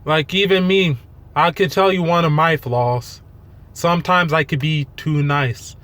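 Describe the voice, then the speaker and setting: This is a fitness vlogger venting to his audience without a script, his slightly high voice staying monotone as he stops and starts. Loosely linked thoughts, bluntness, self-deprecation and offhand swearing mark the rant.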